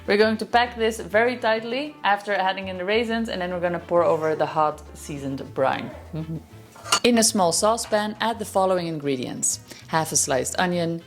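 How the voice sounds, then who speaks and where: A woman hosting a cooking video and walking through a recipe with steady step-by-step instructions. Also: on the low side, normal speed, soft background music. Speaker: cooking show host.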